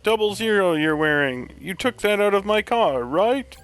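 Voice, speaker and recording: A man's voice: moderate pace, smooth, faint music behind, rough recording. A man putting on a fussy old professor. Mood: eager. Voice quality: put-on voice the performer calls bad. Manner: higher, excited, reading game dialogue aloud. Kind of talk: reading video game dialogue.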